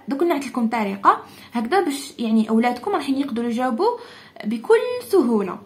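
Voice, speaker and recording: A woman with an Algerian Arabic accent teaching pupils a French textbook exercise, saying the French slowly and explaining it more quickly. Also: high voice, fairly bright tone. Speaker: primary school teacher.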